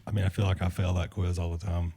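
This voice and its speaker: A laid-back man co-hosting a podcast, chatting casually. He talks quickly in a low, mellow voice. He drops in fast, easygoing asides. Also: little pitch movement, slightly rough. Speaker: podcast co-host. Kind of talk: casual chat.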